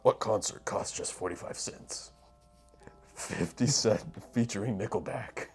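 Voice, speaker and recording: A man co-hosting a casual podcast, telling jokes in a slow, deadpan way. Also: on the low side, slightly rough. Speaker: podcast co-host.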